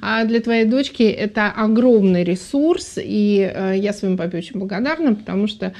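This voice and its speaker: A woman's voice: medium pitch, normal speed, darkish tone. A woman speaking as an expert guest on a live radio talk show in a studio, thoughtful and hesitant with many filler sounds.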